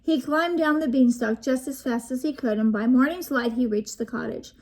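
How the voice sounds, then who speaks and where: A woman reading a storybook aloud to children, lively and inviting them to join in. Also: sits high, normal speed.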